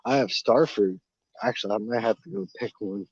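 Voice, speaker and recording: Man, casual garden live stream, relaxed and rambling, muffled phone audio, dry sound. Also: lowish voice, brisk, vocal fry, husky, no room sound. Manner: relaxed, rambling, chews fruit while talking. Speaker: gardening channel host. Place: outdoors in a home garden. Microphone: phone held in hand.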